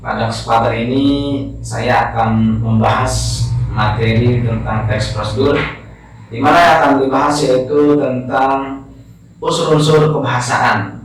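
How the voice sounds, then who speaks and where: A man explaining a grammar lesson slowly and deliberately. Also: mid-range voice, fairly even intonation, slight background noise. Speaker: teacher. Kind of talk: recorded lesson.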